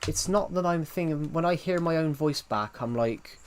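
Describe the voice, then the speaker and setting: Smooth and fairly high-pitched, this man's voice moves at a normal pace. He's live streaming from his computer at home, casually rambling through replies to chat messages, and his strong accent gives his R sounds real weight.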